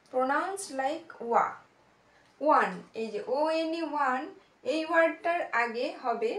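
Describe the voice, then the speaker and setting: A woman's voice: sits high, bright, forceful tone. A woman teaching English grammar in Bengali, patiently repeating words and checking if her students understand. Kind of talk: grammar lesson explained in Bengali. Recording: echoey room.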